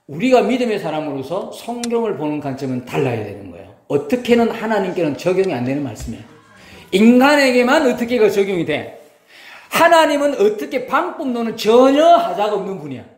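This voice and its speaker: A middle-aged man, preaching a sermon as pastor, talking with the congregation and acting out quotes. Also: sits high. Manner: lively, talks with the congregation, acts out quotes. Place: church sanctuary. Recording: roomy church hall.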